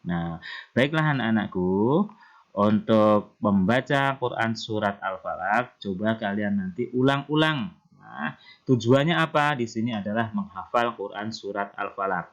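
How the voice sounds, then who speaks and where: Slow, patient Indonesian man teaching. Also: on the low side, lively intonation, a bit bright. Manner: slow, patient explaining, often starting with "nah"; chants verses slowly in a drawn-out recitation. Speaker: primary school teacher. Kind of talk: recorded Quran recitation lesson for children.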